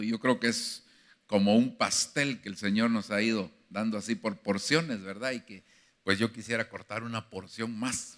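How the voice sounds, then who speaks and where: A man preaching a sermon as pastor, addressing the congregation as brother and acting out biblical dialogues with growing fervor. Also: fairly low pitch.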